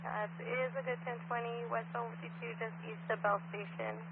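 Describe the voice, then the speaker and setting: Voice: medium pitch, flat delivery, a little fast, vocal fry. A police dispatcher reading out calls and codes over a radio channel in a terse, businesslike way. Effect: police radio transmission. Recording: tinny radio channel with loud static.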